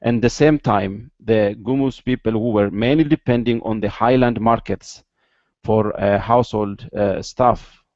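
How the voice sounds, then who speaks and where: A man from Ethiopia, a guest in an interview, explaining at length with many pauses and fillers over a video call. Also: lowish voice, steady tone, a little mellow, no echo, highs cut off.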